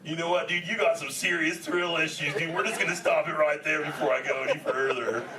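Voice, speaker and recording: Brief: male actor as a chill surfer-slang sea turtle, bantering live with a crowd; pitched a bit high, heard from across an echoey, noisy hall. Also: fairly even intonation, a little fast, close to an everyday voice. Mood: excited. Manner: surfer slang, says dude constantly, jokey. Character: laid-back male green sea turtle, surfer dude. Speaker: live character performer talking with an audience. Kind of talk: improvised live audience interaction. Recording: echoey venue from a distance, audience chatter. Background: audience chatter and crowd noise.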